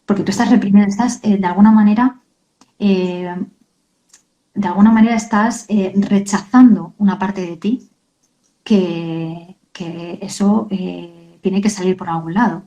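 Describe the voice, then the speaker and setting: A woman, a guest author in an interview, talking earnestly and haltingly and often adding checking tags. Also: medium pitch, steady tone, warm tone, dull audio. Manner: earnest, halting, many tag questions. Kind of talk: emotional interview talk.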